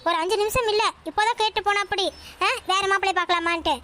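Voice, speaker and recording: A woman's voice: extremely high pitch, fairly even intonation, fast, pushed and bright. A woman voicing a domineering older mother-in-law in a Tamil cartoon, scolding and nagging, with a challenging "aa?" at the end of her lines.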